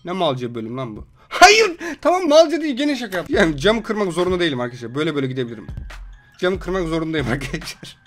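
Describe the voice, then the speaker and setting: A young man with a Turkish accent giving loud, swearing gameplay commentary with frequent outbursts. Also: fairly high pitch, lively intonation, very fast, soft background music. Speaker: gaming video host.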